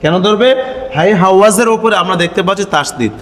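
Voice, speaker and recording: A man's voice: sits high, fast talker, in a large hall. A man teaching Quran reading, chanting each letter-by-letter spelling in a sing-song drawl and then asking and answering his own questions. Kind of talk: spelling-out recitation lesson.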